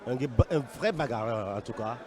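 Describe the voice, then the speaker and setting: A man's voice: medium pitch, animated, normal speed, crowd noise. A man commentating live on a fight, unscripted, hesitating and repeating phrases as he goes.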